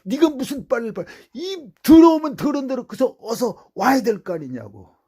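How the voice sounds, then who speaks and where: A male preacher voicing a mother who scolds her child and hurries him in out of the cold, in a loud, high nagging tone. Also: big pitch swings, brisk, breathy edge, full character voice. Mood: scolding, fretful. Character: scolding but tender middle-aged mother.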